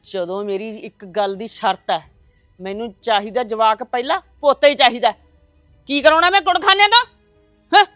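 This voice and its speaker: An actress playing a stubborn mother-in-law who wants a grandson, with a loud scolding Punjabi way of talking. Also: mid-range voice, fairly even intonation, moderate pace, no room sound, faint music behind, natural voice. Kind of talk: village family drama acting.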